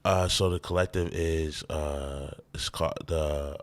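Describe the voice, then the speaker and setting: Very deep, flat-voiced man from the Midwest. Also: a little slow. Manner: loose, rambling, laid-back. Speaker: musician guest. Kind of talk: casual podcast chat.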